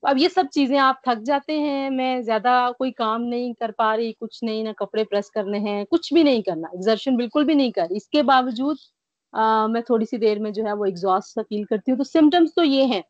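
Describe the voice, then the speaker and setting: A Pakistani woman recovering from covid is a guest on a remote interview over video call, earnestly describing her illness. She sounds tired, a little short of breath, with a mild cough; her voice is a little high and fairly quick. The call audio is dry, dull and lo-fi.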